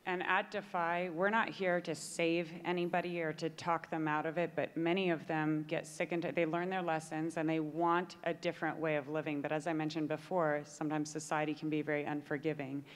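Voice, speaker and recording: A woman's voice: low-pitched, level tone, a little fast, few pauses, long reverb tail. A woman moderating an on-stage panel conversation, upbeat and chatty as she prompts her guests with questions. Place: conference stage.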